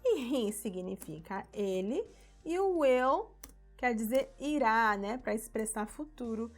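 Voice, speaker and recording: Brazilian woman teaching English slowly. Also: fairly high pitch, animated, soft background music. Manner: patient, stretching English words slowly when modeling them. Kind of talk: English lesson using song lyrics.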